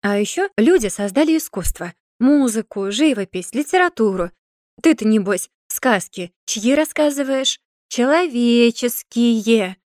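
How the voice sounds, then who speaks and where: A woman's voice: a little high, expressive, unhurried, darkish tone, no echo, clean studio sound. A woman reading a stubborn, cheeky young woman. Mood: insistent. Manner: teasing, insistent.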